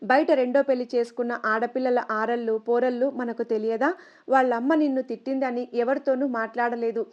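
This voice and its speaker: A woman's voice: fairly high pitch, steady tone, brisk, highs cut off, lightly acted. A woman narrator voicing a caring middle-aged aunt who gives earnest, persuasive advice.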